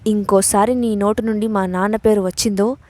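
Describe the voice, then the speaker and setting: A woman's voice: medium pitch, steady tone, normal speed, a little mellow, no room sound, lightly acted. Cocky young lady boss, talks down at people, mocking and bossy, dry close sound, read by a woman storyteller. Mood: taunting. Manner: mocking, commanding.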